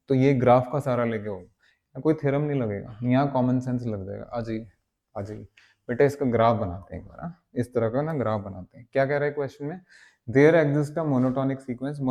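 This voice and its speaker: This exam-prep maths lecture comes from a man with a mid-range, somewhat mellow voice. Preparing students for an entrance exam, he coaxes them on, repeats words for emphasis, and blends in English phrases.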